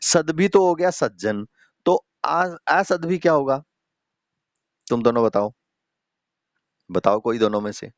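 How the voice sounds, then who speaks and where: A man's voice: mid-range voice, animated, no echo, lo-fi sound. Man teaching a Sanskrit lesson online. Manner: explains slowly, often checks in with "ठीक है"; addresses students directly, asks questions.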